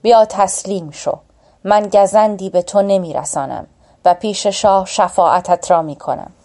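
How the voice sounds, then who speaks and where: Lady reading as a proud young warrior prince, taunting and bossy, mellow dark tone, storybook. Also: medium pitch, natural voice. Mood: stern. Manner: taunting, commanding.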